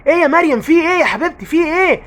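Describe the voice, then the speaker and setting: A woman's voice: extremely high pitch, expressive, racing, fairly bright tone, voice pushed up. A woman voicing a caring, jumpy father with an Egyptian Arabic accent, fussing and exclaiming. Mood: worried.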